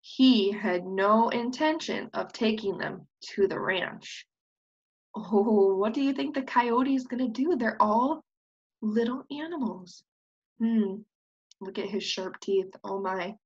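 Her voice is medium in pitch, steady in tone and slow, with a breathy edge. She is a young woman preschool teacher on an indoor screen-share video call, expressively reading a children's storybook and prompting with questions into a computer microphone, captured as slightly dull webcam audio.

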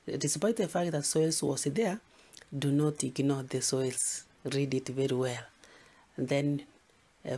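Slightly high-pitched, creaky, and a bit rough with a dark tone, a teacher from Kenya goes over exam revision material. He runs through a list of topics and stresses the important points by saying them again and again.

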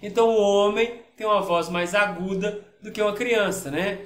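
A man's voice: sits high, steady tone, moderate pace, a bit bright, reverberant. A man with a Brazilian Portuguese accent, a physics teacher talking casually through worksheet exercises in an online lesson and often checking in with his students.

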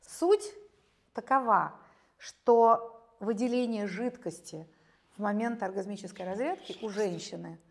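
A woman in her late fifties, a gynecologist explaining medical topics in a measured, academic way, sometimes breaking into lively storytelling, recorded on a lapel mic in a studio. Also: medium pitch. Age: 50s. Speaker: gynecologist guest expert. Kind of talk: conversational expert explanation. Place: bright studio, seated on chair.

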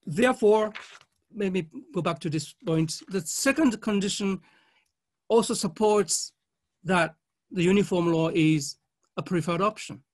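The speaker is a man with a high pitch, a legal academic giving a formal presentation with slides at a conference. His delivery comes in brief, measured, halting phrases.

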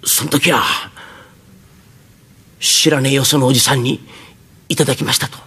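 A man playing a rough-spoken working-class father in a rakugo tale, with an old Tokyo dialect, gruff and clipped. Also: medium pitch, steady tone, moderate pace, bright, forceful tone, full character voice. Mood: gruff tender. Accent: Edo Tokyo dialect. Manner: gruff and clipped, choked with emotion. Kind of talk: traditional rakugo storytelling.

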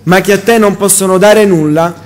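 A man's voice: high-pitched, brisk. An Italian man preaching a sermon in a church hall, in short impassioned phrases that rise as he goes. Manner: impassioned, rising preaching cadence.

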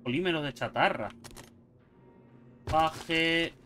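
A young man giving jokey, excitable commentary while playing a survival game, yelping at sudden scares. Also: fairly high pitch, slow, faint music behind. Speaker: gaming YouTuber. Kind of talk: gameplay commentary.

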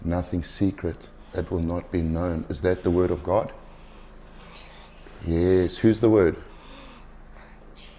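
A man's voice: low-pitched, little pitch movement, slow, pauses often, warm tone, slight background noise. A man leading a deliverance session as minister, insistent and commanding, repeating his questions and phrases. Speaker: exorcist minister. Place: small furnished indoor room.

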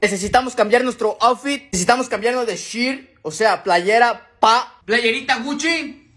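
A man with a Mexican Spanish accent narrating mock tutorials in a deadpan, step-by-step way. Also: extremely high pitch, normal speed. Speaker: comedy creator.

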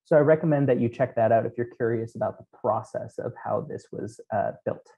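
A mellow-voiced man explains code step by step as a conference keynote speaker, filling his technical talk with frequent ums. His medium-pitched voice has vocal fry and runs a little fast. He speaks indoors from a small room at home into a headset, and the remote talk audio sounds dull and lo-fi.

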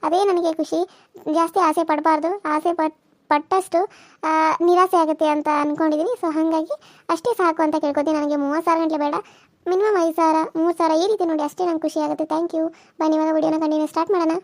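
A woman's voice: extremely high pitch, fairly even intonation, fast talker, no room sound. A woman channel host, earnestly appealing to her viewers and repeating her requests. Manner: earnest, pleading, repetitive.

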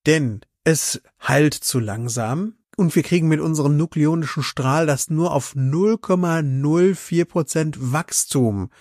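Man, podcast co-host, lively retelling of a plot, slightly higher voice, dry studio sound. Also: measured pace, few pauses, dry recording. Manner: eager storyteller acting out characters' lines. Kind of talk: casual chat retelling an episode.

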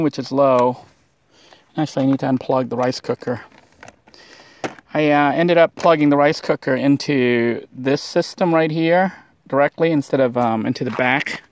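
A man with a medium-pitched voice vlogs outdoors next to a van, casually talking through his cooking as a how-to. He sounds relaxed and rambles with lots of fillers, and there's slight background noise.

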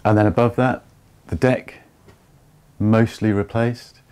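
A man in his fifties giving a measured, step-by-step tour of an old barge's wooden hold. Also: fairly low pitch, fairly even intonation, darkish tone, clear, resonant tone. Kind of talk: explanatory walking tour.

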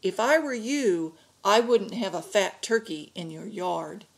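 A woman voicing a dry-humored female police officer in a read-aloud storybook, speaking deadpan. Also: medium pitch, measured pace, vocal fry, slightly rough.

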